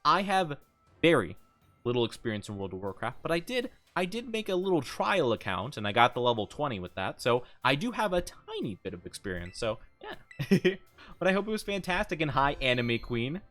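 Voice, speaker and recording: Lively, chatty male game streamer. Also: a little high, normal speed. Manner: chatty, upbeat, giggly. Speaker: livestreamer. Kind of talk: casual game stream commentary, chatting with viewers. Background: music.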